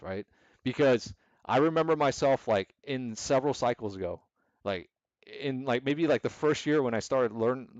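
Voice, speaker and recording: A man's voice: medium pitch, darkish tone, no room sound. A man hosting an investment club stream in casual, rambling talk. He often repeats himself and acts out panicky traders. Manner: rambling, repetitive, restarts often, acts out quoted emotional traders. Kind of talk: casual livestream market commentary. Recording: dry, slightly dull home mic sound.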